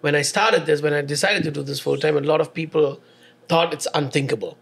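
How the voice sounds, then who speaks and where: A man's voice: fairly high pitch, creaky, fairly bright tone, husky. A man, hosting a casual interview chat and mixing into his English. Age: 40s. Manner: fast-talking, switches into Tamil mid-sentence. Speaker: podcast host.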